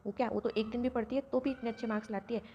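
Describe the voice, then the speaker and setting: A woman voicing a doting, indulgent old grandmother who reassures her granddaughter and hushes her daughter-in-law, on a dull lo-fi recording. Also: fairly high pitch, steady tone, very fast, slight background noise, natural voice. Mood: reassuring.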